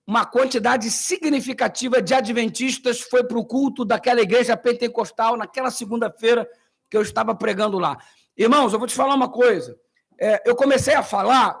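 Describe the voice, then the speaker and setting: A Brazilian man, a pastor, preaching a sermon with animated storytelling, slang and acted-out voices. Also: very high-pitched, moderate pace, creaky, husky. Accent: Brazilian Portuguese.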